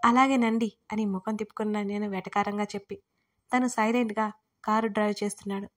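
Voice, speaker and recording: A woman narrating a romance audio story in a steady storytelling way. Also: medium pitch, fast talker.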